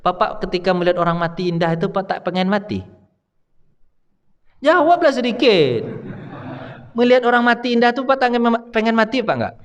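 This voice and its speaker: A man's voice: high-pitched, big pitch swings, fairly quick, long pauses. A male preacher giving a conversational sermon, often asking his listeners questions. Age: younger than his audience. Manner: conversational, asks the audience questions. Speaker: Islamic preacher. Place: hall with audience. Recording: long reverb of a hall.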